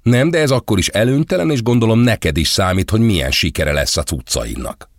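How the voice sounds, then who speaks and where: A man's voice: fairly low pitch, animated, no room sound, studio quality, voice pushed up. A man voicing a flippant, mouthy young blonde female model in an audiobook, defiant and dismissive.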